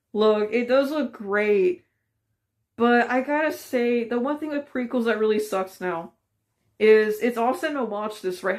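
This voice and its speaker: A woman vlogger giving a casual, rambling opinion rant, frustrated and full of fillers. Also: on the high side.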